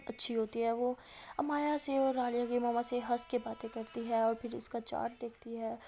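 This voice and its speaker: A woman's voice: a little high, mellow. A woman retelling a love story in a casual, chatty way, correcting herself as she goes.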